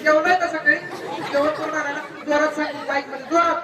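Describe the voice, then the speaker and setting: A man's voice: very high-pitched, level tone, fairly quick, very noisy. Marathi-accented male magician, commanding patter, heard from afar over a crowd. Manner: commanding, counts and barks drill orders. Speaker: stage magician. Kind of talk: live stage patter with children. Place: outdoor birthday event. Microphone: handheld stage mic. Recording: echoey crowd, far from mic.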